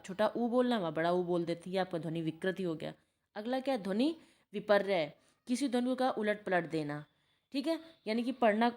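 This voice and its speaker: Woman tutor, lecturing from notes, quizzing then self-answering, mid pitch. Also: a little mellow. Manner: asks questions then answers them herself. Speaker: teacher-training tutor. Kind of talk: spoken lecture explaining notes.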